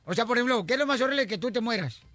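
A man hosting a radio show, loud and playfully teasing as he trades jokes. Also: very high-pitched, expressive, rapid-fire, music in the background. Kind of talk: joking radio banter.

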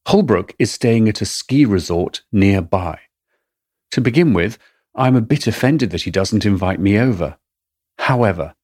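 A middle-aged man giving a measured, wry narration of his diary entries for a podcast. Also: lowish voice, dry recording. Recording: dry studio voice-over, soft music.

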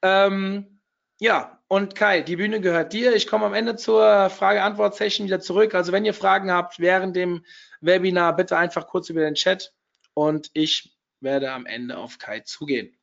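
Hoarse guy hosting a webinar, kinda high gravelly voice, chatty, dull lo-fi sound. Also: moderate pace, a bit bright. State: still hoarse after losing his voice. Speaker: webinar host. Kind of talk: casual webinar moderation.

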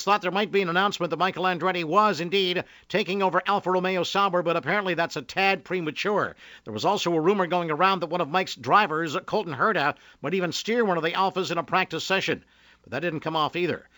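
Bright high-voiced radio host. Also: male voice, no room sound. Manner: brisk announcer delivery. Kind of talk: motorsport news radio hosting.

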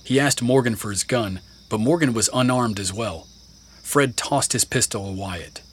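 A man narrating a history podcast in a measured, scripted storytelling delivery. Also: mid-range voice, a bit bright, husky. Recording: music bed under narration. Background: music and crickets.

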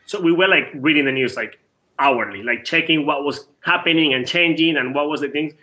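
Tennis club co-owner, male, late 30s, from Venezuela, ringing upper voice, quick with restarts. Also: a little high, bright, forceful tone. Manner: quick, repeats words at starts. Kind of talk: casual interview.

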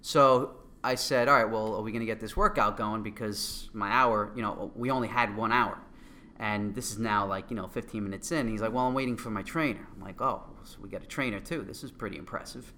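A middle-aged man with a Queens, New York accent, casually telling an anecdote in an animated, excitable way. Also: fairly low pitch, brisk, slight background noise. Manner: animated, excitable storytelling with acted-out quotes. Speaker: guest, company co-founder.

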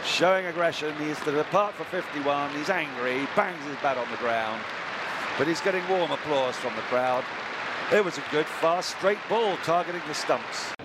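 A man giving live cricket commentary as a commentator, describing each ball and building to excited exclamations. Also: a little high, moderate pace. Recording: outdoor ground with loud crowd noise. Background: loud cricket crowd.

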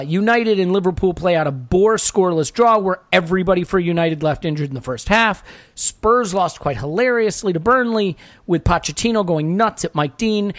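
A man hosts a football podcast with wry, wordy delivery. His voice sits high for a man, and the sound is very dry. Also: no echo. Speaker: podcast host. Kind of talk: football podcast talk with scripted-sounding intro.

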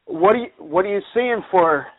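On a tinny, dry phone line, a man calls into a hunting radio show for a casual chat. His high voice is animated and moves at a normal speed, and he's laid-back, laughing often and saying "man" a lot.

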